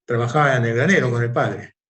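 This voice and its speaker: A man, the guest of an interview, telling a parable and reflecting in an animated, conversational way. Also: medium pitch, brisk. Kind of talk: conversational storytelling.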